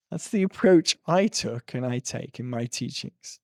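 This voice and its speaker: A man's voice: medium pitch, expressive, takes it slowly, gravelly, no echo, studio quality. A male tic coach giving an earnest, rambling talk with frequent laughs. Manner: earnest, ranting, breaks into laughs. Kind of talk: casual monologue commentary.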